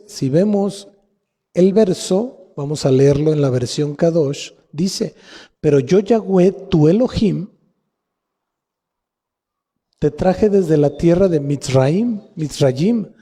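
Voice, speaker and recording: A man's voice: on the high side, dark tone. A man with a Mexican Spanish accent preaching a sermon as pastor, asking the congregation rhetorical questions. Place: church hall. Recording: long hall reverb.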